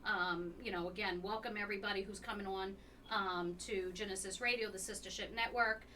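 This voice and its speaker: Bright-voiced woman hosting radio. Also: mid-range voice, fairly even intonation, fairly quick. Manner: upbeat, welcoming, many fillers. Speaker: radio show host. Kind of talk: live radio talk show. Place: radio station studio. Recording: distant mic, faint noise.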